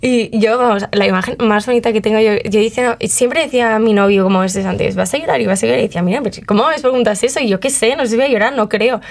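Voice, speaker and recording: A woman's voice: fairly high pitch, fast, few pauses. A young woman talks easily as an interview guest. She fills her speech with little fillers and brings other people's remarks to life as she goes. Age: 20s. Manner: chatty, uses many fillers, acts out quoted remarks. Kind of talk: casual conversational interview.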